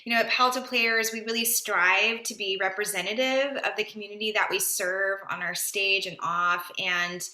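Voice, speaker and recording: Woman giving a sincere speech for a theater group, bright voice, echoey room. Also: mid-range voice, steady tone, moderate pace, few pauses. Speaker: theater company representative. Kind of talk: event speech.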